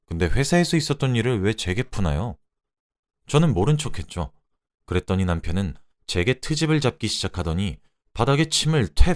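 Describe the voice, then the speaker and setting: Expressive man narrating a story. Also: on the low side. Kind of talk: scripted first-person story narration.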